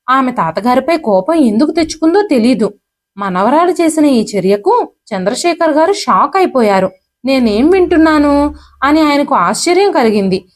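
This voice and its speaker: A woman narrates a moral storybook tale in a steady, even reading voice. Her pitch sits a little high, and she reads in a scripted narration style.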